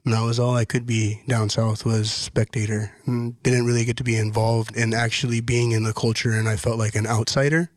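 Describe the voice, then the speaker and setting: A man in his thirties from Washington state, a podcast guest who tells his story in an earnest, measured way. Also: mid-range voice, level tone, no echo, clean studio sound. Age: 30s. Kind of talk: casual podcast conversation.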